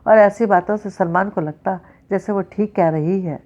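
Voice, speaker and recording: A woman's voice: medium pitch, mellow. A woman reading an episode of a novel aloud, narrating and speaking the characters' lines in a mostly plain voice. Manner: reads all characters' dialogue in a mostly plain voice, with small restarts. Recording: dull lo-fi recording.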